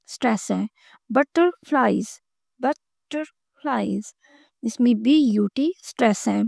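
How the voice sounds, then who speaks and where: A woman explaining a school textbook lesson, reading the English lines slowly and then explaining them in Urdu. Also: a little high, gravelly, dark tone, no echo, studio quality. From Pakistan. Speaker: teacher.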